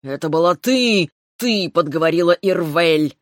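A woman voicing a stern, commanding male dragon who scolds gruffly in an audiobook. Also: low-pitched, moderate pace, no echo, clean studio sound, lightly acted. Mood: angry.

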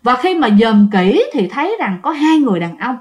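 Lively woman storyteller. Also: on the high side, a little fast. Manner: chatty, addresses listeners directly. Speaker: ghost story narrator. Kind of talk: storytelling of listener-sent ghost tales.

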